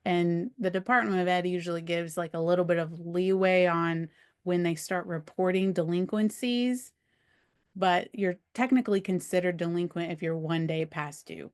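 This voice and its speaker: Woman, webinar presenter, low voice, smooth resonant tone, steady explanations, computer mic. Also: normal speed. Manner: steady explanatory delivery with occasional fillers.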